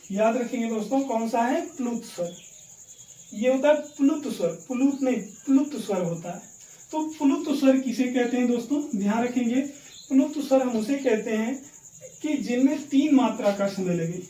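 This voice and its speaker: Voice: medium pitch, dark tone, slight background noise. A Hindi grammar teacher giving an online lesson. The teacher repeats each point, quizzes the viewers and keeps calling them friends. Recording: echoey room, speaker far from mic.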